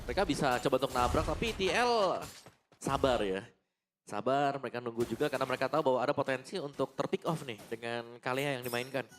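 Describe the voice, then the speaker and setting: A man's voice: medium pitch, fast, hardly any pauses, fairly bright tone. A man giving analytical commentary on an esports match.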